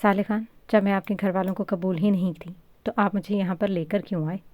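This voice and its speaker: A woman's voice: medium pitch, fairly even intonation, no echo, lightly acted. A woman voicing a defiant, hot-tempered young woman who snaps back angrily. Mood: angry. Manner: sharp, angry retorts.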